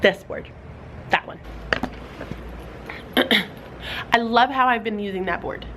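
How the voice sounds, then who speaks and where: Slow and on the high side, a young woman's voice comes through a noisy background as she vlogs casually from her classroom. A fourth grade teacher with a slight cold, she keeps dropping "like" and "um" into her chatty talk.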